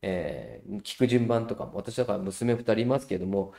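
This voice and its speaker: A middle-aged man giving a lively parenting lecture, telling anecdotes and acting out children's voices. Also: on the low side, a little fast, vocal fry. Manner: animated storyteller who acts out children's voices.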